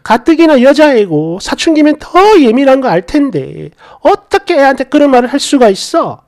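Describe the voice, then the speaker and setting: A woman's voice: high-pitched, sing-song, normal speed, voice pushed up. A woman doing a shrieking furious sister-in-law. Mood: yelling angrily. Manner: yelling, scolding.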